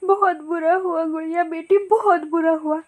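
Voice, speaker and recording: Kind, grieving aunt parrot, voiced by a woman narrator, soft and consoling, storybook. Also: very high-pitched, steady tone, normal speed, pitched above the performer's own voice. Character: kindly motherly female parrot, grieving.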